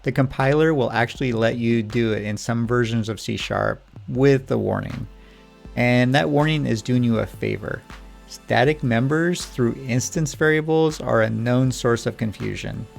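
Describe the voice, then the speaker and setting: A man's voice: mid-range voice, normal speed, creaky, faint music behind. A man teaching programming in a scripted lesson dialogue, patient and Socratic, asking questions to lead his student. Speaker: programming instructor.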